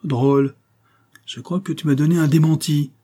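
A cornered male impostor who barks scornful, haughty retorts in a voice raised above the narrator's own, as a man puts him on in an audiobook. The tone stays dark and husky and gets louder as his temper breaks. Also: mid-range voice, lively intonation, normal speed, voice pushed up. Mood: angry. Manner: curt, haughty outbursts.

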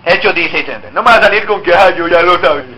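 A man's voice: high-pitched, very fast, pushed and bright, slight background noise, low-quality recording. A male pastor preaching an emphatic sermon and prompting his congregation to answer back. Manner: emphatic, drawing call-and-response from the congregation.

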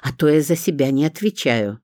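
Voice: medium pitch, expressive, brisk, a little mellow, no room sound, studio quality, close to an everyday voice. A reader voicing an indignant, scornful woman who hisses and shrieks at her neighbours in a storybook. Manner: hissing, indignant. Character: shrill scornful woman, estranged mother.

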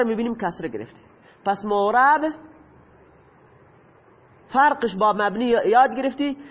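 A high-pitched man lectures patiently, posing questions and answering them himself. His voice rings with a long reverb. The sound is dull and lo-fi. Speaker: teacher. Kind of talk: lecture explaining Arabic grammar.

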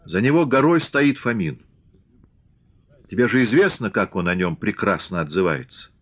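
Man voicing a stern commissar, curt, commanding, low voice, dry dull audiobook recording. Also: lively intonation, normal speed. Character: stern middle-aged male revolutionary commissar.

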